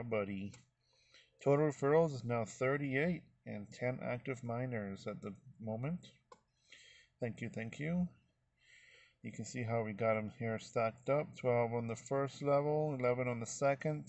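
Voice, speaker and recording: A man's voice: mid-range voice, gravelly, darkish tone, no room sound. A middle-aged man vlogging casually, walking viewers through his phone screen in a folksy, rambling way. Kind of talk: casual screen-recorded walkthrough.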